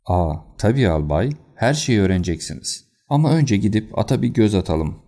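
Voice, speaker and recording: A man reading as a calm, unruffled detective. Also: lowish voice, normal speed. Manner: cool and unruffled. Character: calm, confident male detective. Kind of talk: audiobook character reading.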